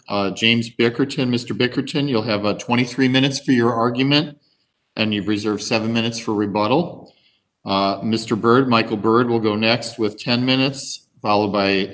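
Low-pitched, halting male presiding judge. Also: a bit bright. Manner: hesitant, halting, courteous. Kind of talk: procedural remarks from the bench.

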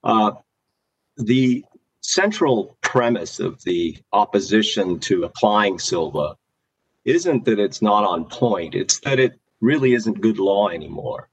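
Husky, low-voiced male appellate lawyer. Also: animated, slow, low-quality recording. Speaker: lawyer arguing an appeal. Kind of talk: formal oral argument.

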